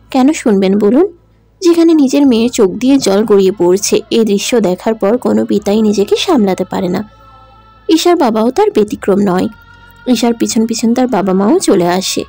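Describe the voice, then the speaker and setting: A woman's voice: a little high, warm tone. A woman narrating a romantic audio drama in an emotive, dramatic manner. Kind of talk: scripted story narration.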